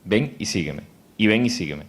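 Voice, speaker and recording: Male scripture reader, very low voice, unhurried delivery. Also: expressive. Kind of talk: Bible reading.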